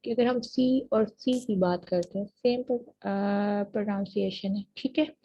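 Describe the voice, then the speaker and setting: A woman university lecturer with a Pakistani accent, explaining terms patiently and reading English definitions slowly, in a muffled lo-fi recording. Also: mid-range voice, steady tone, dark tone. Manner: patient, repeats checks like "theek hai ji" after each point. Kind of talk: classroom lecture mixing Urdu and English.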